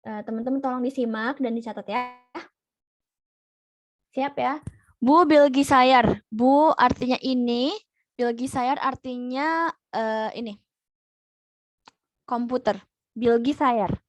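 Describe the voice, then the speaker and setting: A young woman teaching an online language class, patiently repeating each point slowly. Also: fairly high pitch, fairly even intonation, no echo.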